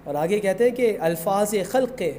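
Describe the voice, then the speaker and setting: A male Urdu lecturer with a Pakistani accent explaining a poem to a class, reciting verses slowly and quizzing students with questions. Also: sits high, expressive, dark tone, a little hiss or hum.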